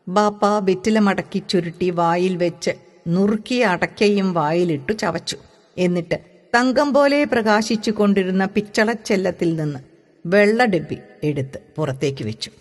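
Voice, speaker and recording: A woman narrating a novel chapter in a measured, expressive reading voice. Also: on the low side. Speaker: audiobook reader. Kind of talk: storybook reading. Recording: long reverb.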